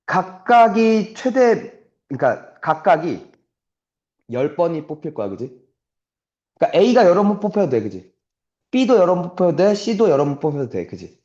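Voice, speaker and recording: A man's voice: sits high, very animated, moderate pace, pauses often, a little mellow. A young male math tutor giving a casual, blunt classroom lecture, swearing freely and constantly asking whether students follow. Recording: roomy, dull lo-fi classroom recording.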